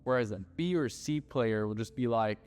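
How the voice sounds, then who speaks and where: A man's voice: mid-range voice, moderate pace, a little mellow, smooth. A man giving casual business advice, blunt and loose, with lots of filler words and the odd swear. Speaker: ad agency owner. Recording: hall reverb with faint music.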